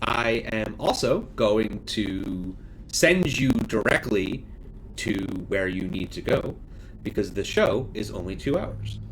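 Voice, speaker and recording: A man's voice: on the low side, animated, slow, a little hiss or hum, low-quality recording. A man voicing an odd floating female restaurant hostess in a tabletop game, chatty and offhand.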